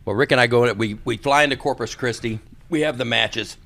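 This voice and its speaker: A man's voice: medium pitch, fairly quick, gravelly, a bit bright. A man chatting casually and telling anecdotes as a podcast guest. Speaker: podcast guest, business owner, former referee.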